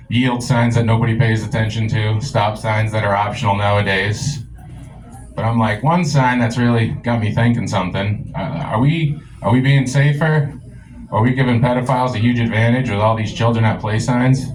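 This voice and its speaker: A young man from the rural US working a comedy club stage, with a crude, deadpan storytelling style. His voice is somewhat low, and there's faint room ambience behind him. The delivery is loose and conversational. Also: normal speed, a little hiss or hum, low-quality recording. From rural United States. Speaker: stand-up comedian. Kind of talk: stand-up set.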